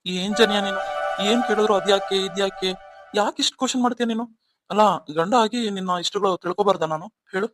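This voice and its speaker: A man's voice: sits high, quick pace, over loud music, close to an everyday voice. A man voicing a remorseful young husband in a cartoon story, coaxing and pleading with his wife. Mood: teasing.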